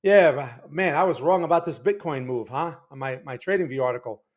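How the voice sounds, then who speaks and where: A man hosts a market analysis livestream in a loose, chatty style, greeting viewers, reading out names from the chat and restarting his sentences. Speaking into a desk microphone, he sounds on the high side and a little fast.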